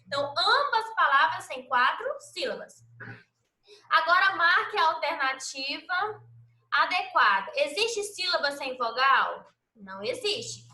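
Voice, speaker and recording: High bright teacher in an echoey room. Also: female voice, animated. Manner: patient, slow and sing-song, spelling out letters and syllables. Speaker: primary school teacher. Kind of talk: recorded remote lesson for children.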